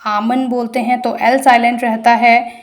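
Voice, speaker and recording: A woman's voice: on the high side, flat delivery, unhurried. A woman teacher, explaining homework answers step by step and mixing into her Hindi. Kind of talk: homework walkthrough.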